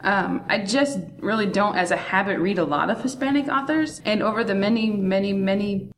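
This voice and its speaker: A woman's voice: mid-range voice, moderate pace, a little hiss or hum. A woman co-hosting a podcast in casual conversation, chatty and self-deprecating. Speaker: podcast co-host. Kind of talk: casual chat.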